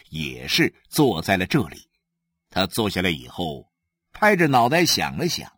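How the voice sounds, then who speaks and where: A man reading a novel aloud in an animated storytelling style, acting out the scenes as he goes. His voice is forceful and husky, and it swings widely in pitch at an unhurried pace. The sound is dry and close. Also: no room sound.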